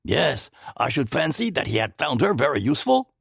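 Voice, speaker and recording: A man's voice: medium pitch, big pitch swings, moderate pace, vocal fry, fairly bright tone, husky, no room sound, studio quality, pitched above the performer's own voice, exaggerated voice. A man voicing a shrewd, placid older Belgian male detective who speaks precisely and drops French phrases, in an audiobook. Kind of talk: audiobook character voice.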